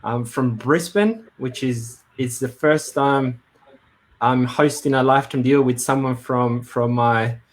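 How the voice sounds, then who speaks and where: A man in Brisbane hosts a live webinar casually and hesitantly, full of fillers and restarts. His mid-range voice keeps a measured pace through the live-stream talk.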